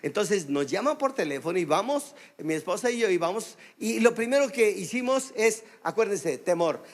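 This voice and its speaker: A man's voice: sits high, expressive, normal speed. A man with a Mexican accent preaching a sermon as pastor, emphatic, calling for amens and telling stories with many fillers. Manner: emphatic preaching, calls for amen and applause; storytelling with many "este" fillers. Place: church service.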